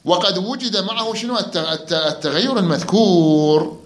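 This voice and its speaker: A man's voice: sits high, normal speed. A man teaching grammar, quizzing his students and repeating their answers. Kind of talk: classroom lecture. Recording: echoey room.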